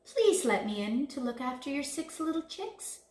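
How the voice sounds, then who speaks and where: A woman's voice: high-pitched, sing-song, moderate pace, darkish tone, distant mic, pitched above the performer's own voice. A woman voicing a big male storybook wolf, eager to be good and easily hurt. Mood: hopeful, pleading. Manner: polite when hopeful, howls and roars when upset. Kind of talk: children's storybook reading. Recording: roomy, echoing sound.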